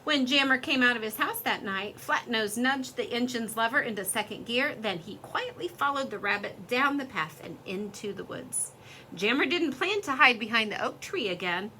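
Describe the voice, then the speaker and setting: A woman reading a children's story aloud in an expressive, lively storytelling way. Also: on the high side, normal speed, a little hiss or hum.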